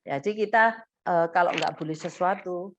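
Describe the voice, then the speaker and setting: A woman therapist giving gentle advice to parents in a live question-and-answer session, thinking aloud as she goes. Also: on the low side, normal speed, lo-fi sound, a little hiss or hum.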